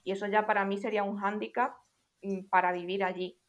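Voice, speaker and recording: A young adult woman co-hosting a casual podcast, explaining points in a clear, organized way. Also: mid-range voice, little pitch movement, fairly quick, dull audio. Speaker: podcast co-host.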